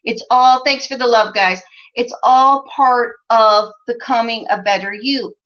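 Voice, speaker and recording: Speaking unhurriedly with fairly even intonation, a forties-aged Midwestern woman coaches viewers on a live stream in a bright, slightly high voice. She reads their comments in a loose, chatty way, laughing frequently and saying "you know" constantly, over muffled lo-fi audio.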